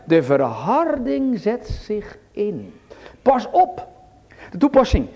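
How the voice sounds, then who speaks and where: A man preaching a sermon in a church, swinging between loud appeals and hushed asides. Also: extremely high pitch.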